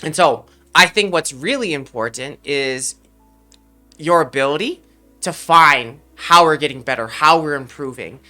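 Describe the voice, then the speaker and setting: A man's voice: a little high, measured pace, bright, forceful tone, faint music behind. A man streaming live as an esports mental coach, earnest and explanatory, with a slightly sick voice as he talks to his chat. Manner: earnest, explanatory, repeats phrases for emphasis. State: under the weather, slightly sick voice. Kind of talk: livestream talk to chat.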